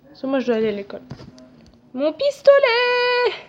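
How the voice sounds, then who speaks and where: A woman's voice: a little high, fairly even intonation, rapid-fire, mellow, slight background noise. A young woman giving casual, chatty commentary as she plays a game, self-mocking and swearing casually at it. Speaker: gaming video creator. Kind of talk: casual let's-play commentary. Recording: dull, slightly lo-fi audio.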